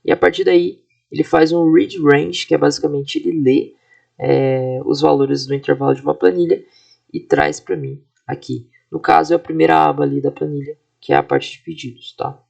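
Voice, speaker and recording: A young man from Brazil guides viewers through a screen-recorded software demo for a class project. His voice sits a little high and carries a heavy gravelly fry. He talks casually and explains step by step, dropping in frequent tag questions to check in with his audience. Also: fairly even intonation, moderate pace, lo-fi sound. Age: 20s. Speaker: student presenting a class project.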